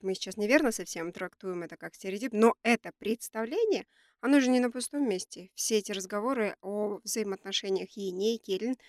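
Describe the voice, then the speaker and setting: A woman's voice: mid-range voice, no room sound, studio quality. A woman co-hosting a conversational podcast, sounding nasal with a stuffy nose from a cold. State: has a cold. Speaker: podcast co-host. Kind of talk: conversational podcast discussion with prepared facts.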